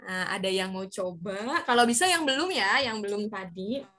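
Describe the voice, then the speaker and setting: A woman's voice: mid-range voice, animated, normal speed, background noise. A woman who works as a voice actor, cheerfully teaching an online class for children over a video call.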